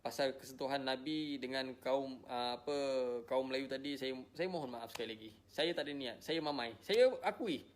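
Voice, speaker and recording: A man's voice: mid-range voice, normal speed, hardly any pauses, a little hiss or hum. A married man from Malaysia speaking straight to his viewers, weary and defensive, repeating himself often. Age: adult, married with a child. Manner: repetitive, defensive, tired. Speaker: social media personality. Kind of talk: emotional direct-to-camera statement.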